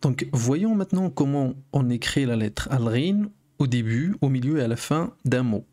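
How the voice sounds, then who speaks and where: A man's voice: medium pitch, animated, normal speed, dark tone. A man giving a patient video lesson, teaching letters step by step and repeating each sound for learners. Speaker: Arabic teacher.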